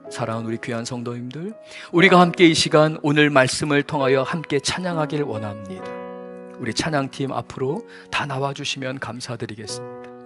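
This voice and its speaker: A middle-aged man preaching a sermon as a pastor, swinging from loud declarations to near whispers. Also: mid-range voice, fairly quick, music in the background.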